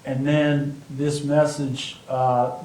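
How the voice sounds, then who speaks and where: A man as a flat-voiced defense attorney on a courtroom recording. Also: mid-range voice, extremely slow. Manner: plain-spoken, a bit self-deprecating, hesitant fillers. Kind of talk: courtroom examination of a witness. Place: large courtroom. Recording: echoey courtroom audio from a distance, faint noise.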